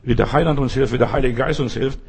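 A man's voice: mid-range voice, fairly even intonation, fast, a little mellow, husky. A man preaching a sermon, addressing listeners directly with emphasis and repeated phrases.

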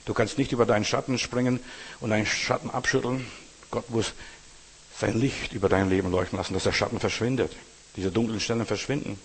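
Male preacher, husky and earnest, sermon addressed to "you", long hall reverb. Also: fairly low pitch, fairly even intonation, fairly quick. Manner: earnest, addresses listener directly, repeats words.

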